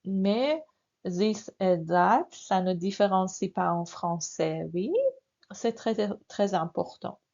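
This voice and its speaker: A woman's voice: medium pitch, takes it slowly, gravelly, darkish tone. A woman teaching a French grammar lesson, repeating words for learners and checking in with frequent "oui" and "n'est-ce pas". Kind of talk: slow, repetitive grammar lesson. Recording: dull lo-fi audio.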